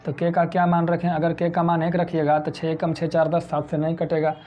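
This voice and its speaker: A man's voice: fairly high pitch, monotone, brisk, warm tone, lo-fi sound. A man from India teaching a math lesson for exam prep, who keeps asking his own questions and answering them.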